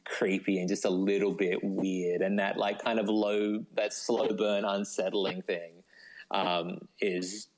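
An Australian novelist, appearing as an interview guest, chats casually in a low, flat voice at a slow pace. He's enthusiastic and rambling, dropping plenty of informal "like"s, and the audio quality is poor.

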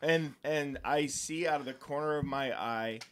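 A man's voice: on the high side, moderate pace. A young man on a podcast, telling a rambling story in casual chat with many fillers and restarts. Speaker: podcast co-host.

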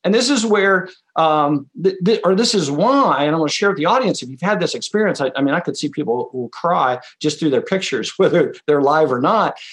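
A man's voice: a little high, expressive, fairly quick, hardly any pauses, a bit bright. A man, an author appearing as a guest, teaching business ideas in a conversational way and telling stories with quoted back-and-forth. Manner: emphatic, tells stories with quoted dialogue.

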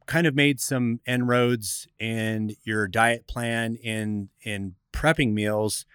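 A man's voice: lowish voice, steady tone, takes it slowly, fairly bright tone, smooth, no room sound, clean studio sound. A man hosting a radio talk show, explaining in an instructive, methodical way like a coach.

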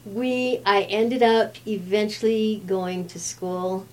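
A woman in her fifties who grew up in Brazil with Portuguese as her first language chats casually as a guest, laughing often. Her medium-pitched voice is darkish and unhurried, and the recording is rough.

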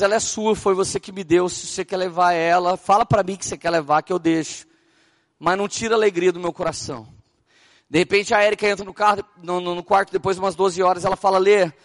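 A Brazilian man preaching as a pastor, telling stories with animated acted-out dialogue. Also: high voice. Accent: Brazilian Portuguese. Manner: animated storytelling, acting out dialogue. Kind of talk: sermon.

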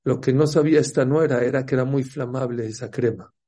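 Mellow and husky, the medium-pitched voice of this religious teacher keeps fairly even intonation at a fairly quick pace. He narrates stories in his talk, asks the audience questions and acts out each character's voice.

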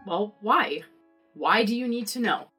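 A woman's voice: mid-range voice, lively intonation, measured pace, pushed and bright, husky, faint music behind, full character voice. A woman playing an earnest, anxious young librarian sidekick in a noir audio drama, pleading and exasperated.

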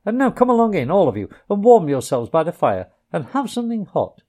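A man voicing a hearty, masterful male water rat who gives orders briskly. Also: high voice, huge pitch swings, mellow, voice pushed up, heavily acted. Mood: hearty, commanding. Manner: brisk, commanding, bossy.

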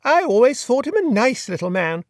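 Storybook elderly duchess, gossipy and emphatic, raised and lively, voiced by the narrator. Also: medium pitch, normal speed, no room sound, studio quality, pitched above the performer's own voice. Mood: gossiping. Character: elderly dowager duchess, chatty and kindly. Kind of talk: audiobook dialogue.

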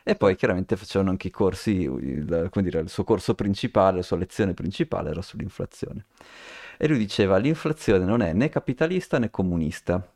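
Man, low voice, casual podcast chat, rambling storyteller, lots of fillers. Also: lively intonation, a little fast, a little mellow. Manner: rambling, many restarts and fillers, laughs while telling. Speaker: podcast co-host.

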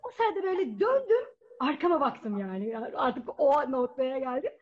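A woman with a very high voice tells a personal story to a live audience, animated and acting out the people she quotes. The recording is dull and lo-fi. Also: moderate pace.

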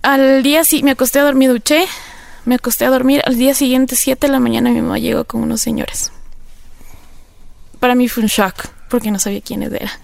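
Gravelly woman telling her story. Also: a little high, steady tone, fairly quick, dry recording. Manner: earnest, reflective, many filler phrases. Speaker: interview guest. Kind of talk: personal testimony in conversation.

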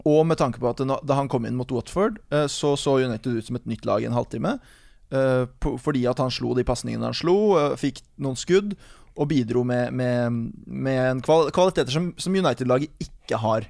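A man co-hosting a casual fantasy football podcast, animated and laughing often, restarting his sentences. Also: mid-range voice, gravelly, dry recording, clean studio sound. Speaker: podcast co-host.

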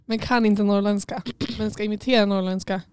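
A woman co-host with a mellow, warm tone, recorded close and dry. She chats casually, curious and hedging, with lots of filler words. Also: mid-range voice, steady tone, clear, resonant tone, no echo. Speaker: podcast co-host. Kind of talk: casual chat. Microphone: studio mic.

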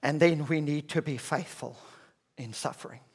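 A man pastor preaching a sermon, emphatic, swinging between loud passionate peaks and hushed, slow, stressed phrases. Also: on the high side, breathy edge. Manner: slows and stresses words one by one.

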